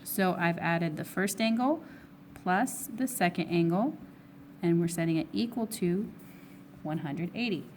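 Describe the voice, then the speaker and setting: A woman teacher with a hoarse, fading voice, working step by step through a recorded math review and asking herself questions before answering them. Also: on the low side, unhurried, darkish tone, slight background noise. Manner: steps through problems, asking and answering her own questions. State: hoarse, losing her voice, with coughs. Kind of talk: recorded test review lesson.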